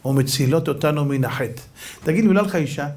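A rabbi with an Israeli Hebrew accent and a fairly high-pitched voice gives a fiery, dramatic sermon, swinging between shouting and hushed asides.

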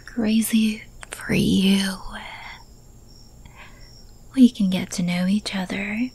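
A woman in a whispered role-play, playing an obsessively lovestruck thief who teases and coaxes her captive in a breathy, possessive whisper. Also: mid-range voice, fairly even intonation, a little mellow, heavily acted, poor audio. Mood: possessive, menacing. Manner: slow, breathy, coaxing whisper with pet names. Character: infamous female thief, obsessively lovestruck, teasing and possessive kidnapper.

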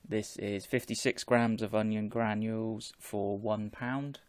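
A man, talking in a measured, explanatory way as a vlogger chatting casually on an earphone microphone at home. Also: fairly low pitch, level tone. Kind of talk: casual chat to camera. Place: small home room with bookshelves.

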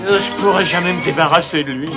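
A man's voice: a little high, quick pace, music in the background, close to an everyday voice. A man in a French cartoon dub voicing a polite but put-upon little handyman creature, hesitant and easily exasperated. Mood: flustered, exasperated.

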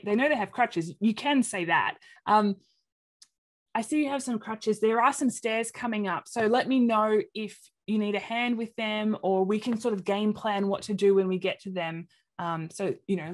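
A woman with an Australian accent giving a webinar presentation over a webcam video call, animated and acting out quoted reactions in different voices. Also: medium pitch, moderate pace. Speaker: presenter of an inclusion talk.

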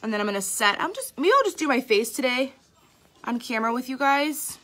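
A young woman talks through a makeup routine in a loose, candid way, full of "like" and "um." Her tone is bright and clear, but she sounds a little sleepy and tired. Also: sits high, expressive, brisk. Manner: chatty, candid, self-deprecating, lots of fillers. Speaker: makeup artist. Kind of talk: casual live makeup tutorial.

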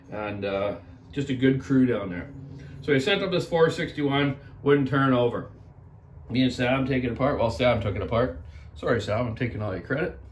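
A man in his forties running a casual workshop vlog about chainsaw repair, rambling in a folksy way and calling viewers "man". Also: mid-range voice. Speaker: chainsaw repair shop owner. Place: small indoor repair workshop. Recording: echoey workshop room.

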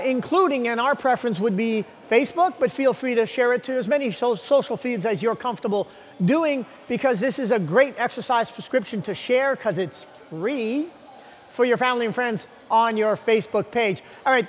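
A man in his forties talks the viewer through the day's workout with a very high, upbeat voice. He speaks brisk and plain, like a coach who wants you moving. The lapel mic picks him up in a large indoor gym, and a long reverb trails his words. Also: lively intonation. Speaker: fitness coach host. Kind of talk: workout instruction to camera.

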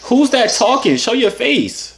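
A vlogger in his twenties chats with strangers online in a casual, flirty video call, playfully teasing them in an extremely high, sing-song voice at an unhurried pace. The recording is clearly noisy, with clicks and crowd noise, from an indoor home gym or garage.

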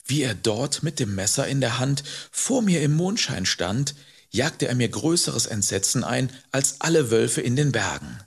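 A man narrating an audiobook in an expressive, measured storytelling manner. His voice is gravelly and husky, and it rises and falls with lively intonation at an unhurried, slow pace. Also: medium pitch. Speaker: audiobook reader.

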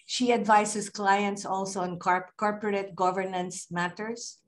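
Slow, measured older woman introducing a speaker. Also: mid-range voice, steady tone. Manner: measured, proud, ceremonial. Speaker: webinar host. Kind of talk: reading a formal speaker introduction. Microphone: computer mic on a video call.

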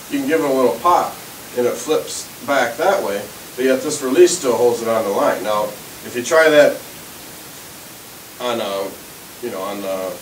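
A man's voice: medium pitch, recorded from a distance, a little hiss or hum. Man demoing tackle in a roomy shop. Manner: explains step by step with frequent restarts. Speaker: fishing tackle presenter. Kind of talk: casual product demonstration.

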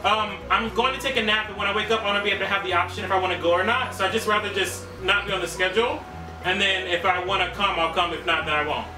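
A young man playing an insistent, oblivious new fast-food employee in a rambling, deadpan prank call. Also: sits high, natural voice. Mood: earnest, insistent. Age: young adult. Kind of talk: improvised prank phone call. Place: small living room. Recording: roomy, distant camera sound, music.

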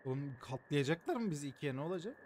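A man's voice: on the high side, expressive, fast talker, a little mellow, slight background noise. Swearing, joking male game streamer. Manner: joking, swearing often, thanking viewers by name. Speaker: live streamer. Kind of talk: live gameplay commentary.

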